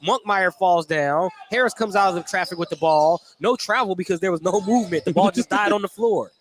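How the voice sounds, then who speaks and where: A high-voiced, slightly fast play-by-play announcer calls a live basketball game for radio from an indoor gym. His clipped phrases describe the action in detail, with gym noise and bouncing balls all around.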